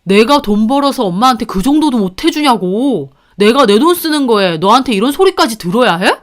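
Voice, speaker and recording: A woman's voice: medium pitch, expressive, lightly acted. A woman voicing an irritable husband who grows defensive and snaps back. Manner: sulky, quick to snap.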